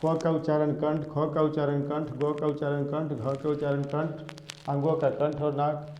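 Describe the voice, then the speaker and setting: A man teaching a Hindi grammar lesson, going over each point slowly and repeating it as a drill. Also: fairly high pitch, completely flat delivery, mellow, a little hiss or hum. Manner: slow, repetitive drilling of points. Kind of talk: classroom lesson. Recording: echoey room, dull lo-fi sound.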